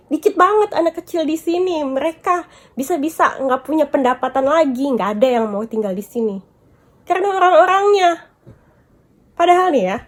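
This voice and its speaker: A woman vlogger venting about being scolded, upset and tearful at times, mixing English and Japanese words into her talk. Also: sits high. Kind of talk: emotional storytime vlog.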